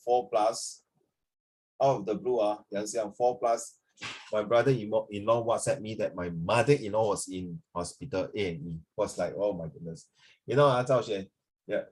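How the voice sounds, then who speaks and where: Over a video call, a Singaporean-accented man getting over the flu leads a social studies lesson, calling on students by name and switching between Mandarin and English. He speaks at a normal speed in a lowish, darkish voice with a breathy edge. The recording is rough.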